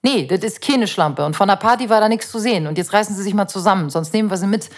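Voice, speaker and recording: A young policewoman talks fast and firmly, laying down the law in a no-nonsense tone, as a woman narrator puts her on. Her voice is a touch raised and breathy. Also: mid-range voice, natural voice. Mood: stern. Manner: firm, pragmatic, scolding.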